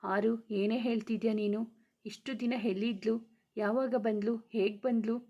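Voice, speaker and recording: A woman's voice: fairly high pitch, little pitch movement, measured pace, mellow, lo-fi sound. A woman doing a cheeky, teasing young man. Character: cheeky young male friend, teasing and playful. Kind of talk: storybook reading.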